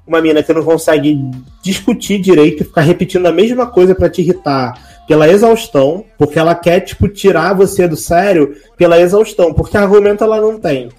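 A man's voice: high-pitched, a little fast, hardly any pauses, dark tone, soft background music. A man, co-hosting a casual gossip chat and animatedly mimicking people. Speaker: podcast co-host.

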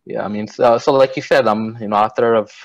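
Low-voiced man from Guyana, measured. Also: fairly even intonation, gravelly, no room sound, dull audio. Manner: measured, thoughtful explaining. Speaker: author and activist guest. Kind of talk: interview answers.

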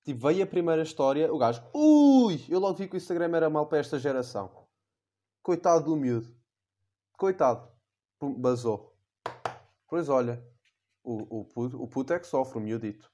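A man's voice: medium pitch, fairly quick, darkish tone. A young man with a European Portuguese accent, hosting a comedic podcast monologue in a rambling, slangy, crude way. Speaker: podcast host.

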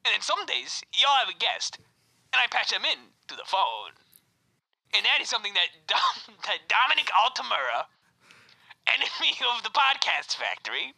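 A man's voice: sits high, vocal fry, sharp tone, breathy edge, pitched above the performer's own voice, full character voice, low-quality recording. A man voicing a fussy male podcast-factory switchboard operator who rambles, hesitates and drops into whispers in a comedic improv bit.

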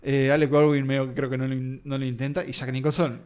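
A man's voice: medium pitch, flat delivery, fast, darkish tone, clean tone. A man hosting a casual film discussion, steering the talk and rambling through his thoughts. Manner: leads the talk, rambling with fillers.

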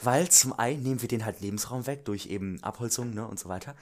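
A man's voice: mid-range voice, fast talker, very noisy. A man in easy, casual podcast chatter with a co-host. He teases and jokes, slipping into laughter often. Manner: playful, teasing, laughs often. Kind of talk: casual chat.

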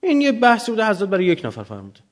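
A man's voice: high-pitched, huge pitch swings. Man lecturing in a didactic way. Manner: didactic, posing questions and answering them. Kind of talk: extemporaneous lecture to students.

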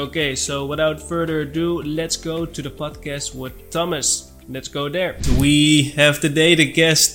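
A man's voice: fairly high pitch, fairly bright tone. A man hosting a real estate podcast, upbeat and friendly as he introduces a guest. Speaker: podcast host.

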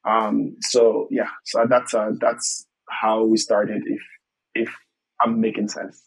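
A man's voice: lowish voice, monotone, slow pace, gravelly, husky, poor audio. A man from Togo, answering interview questions as a podcast guest in a hesitant, explanatory manner. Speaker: podcast guest, startup investor.

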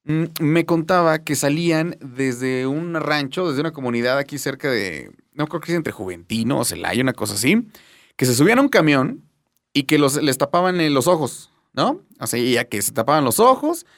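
A man's voice: on the high side, sing-song, normal speed, fairly bright tone, no room sound, studio quality. A man with a Mexican accent, chatting casually and joking, with a lot of fillers. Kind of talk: casual chat.

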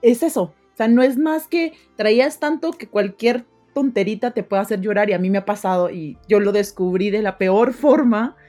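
A woman's voice: mid-range voice, normal speed, few pauses, faint music behind. A young woman, chatting as a podcast guest and acting out the voices in her stories. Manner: animated storyteller, acts out quoted voices. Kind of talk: casual podcast chat.

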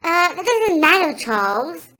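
A man's voice: big pitch swings, full character voice. A man voicing a chirpy, eager cartoon mascot boy in a comic podcast skit, talking in a bubbly, gushing way. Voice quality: squeaky and bright. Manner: bubbly, gushing, slow and sing-song.

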